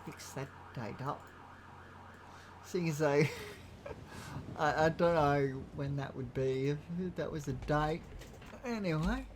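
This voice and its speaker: A man's voice: on the high side, takes it slowly, pauses often. A man playing a senior officer in an online roleplay, giving casual, hesitant instructions to a trainee. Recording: faintly noisy game voice chat.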